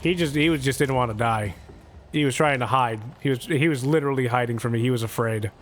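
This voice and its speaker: With a medium-pitched voice and a fast delivery, a young adult man gives live commentary on his game, rambling through profane, sarcastic humor. A slight hiss or hum can be heard.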